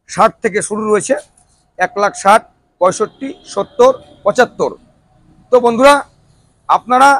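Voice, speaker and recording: Man, high voice, dry close sound, emphatic sales announcer, repeats key phrases, showroom promo style. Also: a bit bright, no echo. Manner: emphatic, repetitive announcer-like delivery with rhetorical questions. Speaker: showroom promoter presenting e-rickshaws. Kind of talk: promotional video sales pitch.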